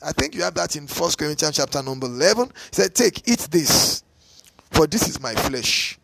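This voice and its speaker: A man's voice: fairly high pitch, expressive, moderate pace, creaky, a bit bright, husky, no room sound. A man preaching a podcast sermon, emphatic and repetitive, answering himself with "yes" and "aha", and sometimes breaking into tongues. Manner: speaks in tongues at times.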